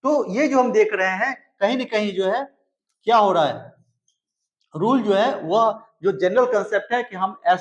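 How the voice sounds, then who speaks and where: A man teaching a grammar lesson. He explains slowly, repeats himself and sounds out example words. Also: high voice, low-quality recording. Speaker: English teacher.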